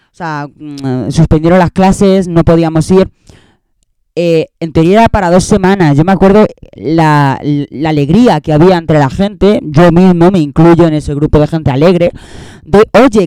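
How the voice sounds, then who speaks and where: A man's voice: a little high, normal speed, mellow, smooth, dry recording. A young man with a Spain Spanish accent, hosting a casual, rambling, sarcastic year-end monologue that keeps repeating itself. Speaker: host.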